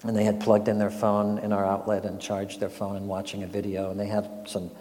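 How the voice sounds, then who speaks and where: A man's voice: lowish voice, monotone, fairly quick, dark tone, in a large hall, slight background noise. An older man preaching a sermon as a pastor, telling a story and asking reflective questions.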